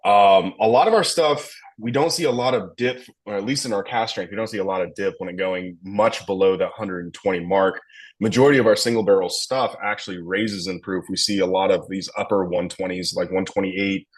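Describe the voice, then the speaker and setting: A man's voice: deep voice, a little fast. A young man, a distillery blender talking through a tasting in a rambling, enthusiastic way. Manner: rambling, enthusiastic, lots of fillers. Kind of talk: casual tasting talk.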